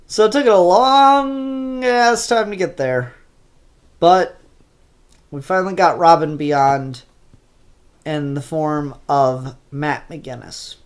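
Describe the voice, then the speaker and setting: A comic book reviewer with a stuffed-up, congested voice chats through new issues in an offhand way, full of ums and restarts. His voice is mid-range with a clean tone, typical of a casual spoken comic review.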